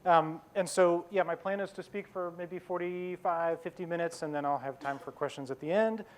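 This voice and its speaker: A man in his forties giving a conference keynote, quick and self-deprecating, with many fillers and restarts. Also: a little high. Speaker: keynote speaker. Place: conference hall.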